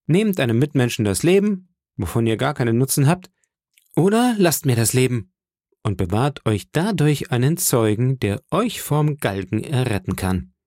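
A man's voice: medium pitch, sing-song, moderate pace, a little mellow, no echo, studio quality, close to an everyday voice. A man reading an audiobook, voicing a bold, defiant boy cabin hand who speaks steadily.

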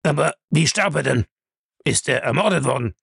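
Man voicing a young man, cool, evasive, irritable, gravelly, audiobook. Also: fairly high pitch, expressive, normal speed, a bit bright, no room sound, clean studio sound, voice pushed up, exaggerated voice. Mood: irritated, cool.

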